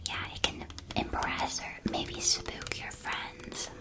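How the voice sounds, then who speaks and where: This woman's ASMR roleplay casts her as a warm, talkative sweets seller in a witch setting, offering soft and helpful shop banter. Her delivery is unhurried, with a light acting touch.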